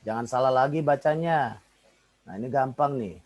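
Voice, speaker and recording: A man's voice: mid-range voice, moderate pace, a little mellow, dull audio. A man, a lecturer teaching an online class and calling on students by name.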